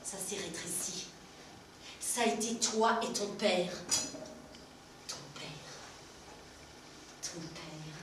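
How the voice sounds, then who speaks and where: A bitter old mother in a care home, as an actress plays her, brooding and given to raving outbursts. Heard live from a distant mic in a very echoey greenhouse stage. Her voice is middle-pitched, with a hall tail and a noisy room behind it. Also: drawn-out words, long pauses, a bit bright. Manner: brooding, veering into screaming rage.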